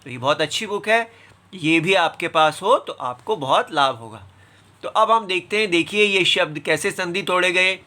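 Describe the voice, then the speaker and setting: A man teaching a scripture class, patiently explaining and breaking words apart syllable by syllable, sometimes reciting verses in a slow chant. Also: high voice, lively intonation, pushed and bright.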